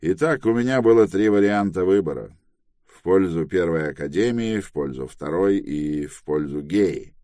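A man reading the part of a stubborn, earnest grown man in an audiobook, insistent and deliberate. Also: sits low, lively intonation, warm tone, dry recording, studio quality. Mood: reasoning.

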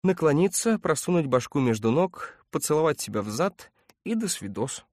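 A man's voice: on the high side, very animated, moderate pace, darkish tone, no room sound, studio quality, voice pushed up. A man voicing a tough, cold female marine gunner who speaks in a mocking way.

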